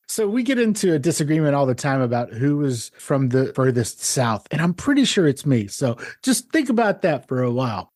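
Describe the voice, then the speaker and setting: A man's voice: medium pitch, sing-song, normal speed, darkish tone. Chatty man hosting a podcast. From San Antonio, Texas. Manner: chatty, self-interrupting, says "dude" and "man". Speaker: podcast host. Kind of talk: casual podcast interview and intro.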